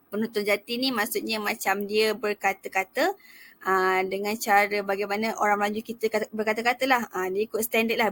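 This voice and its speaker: A young woman student teacher explaining a topic in a casual lecture style, chatty and relaxed, often pausing to begin again. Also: mid-range voice.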